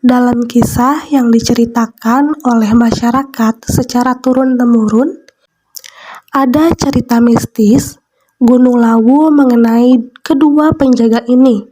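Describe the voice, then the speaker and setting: In a rough recording, a mukbang vlogger with a cold speaks in a slightly high, nasal voice with fairly even intonation. She eats on camera and reads a spooky story aloud in a slow, soft, casual way, frequently filling gaps with "nah," while the close mic captures her eating sounds.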